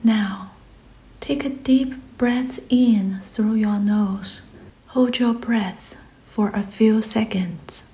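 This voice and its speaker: In a slightly high, soft, breathy voice that often nears a whisper, a woman leads a scripted guided meditation. She is gentle and soothing, leaving pauses between short phrases.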